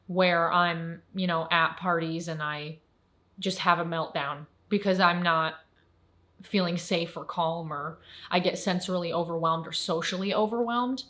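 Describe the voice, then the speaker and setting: A woman's voice: lowish voice, a bit bright. A woman in her twenties telling a personal story on her video channel in a candid, rambling way with many fillers. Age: 20s. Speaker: YouTuber.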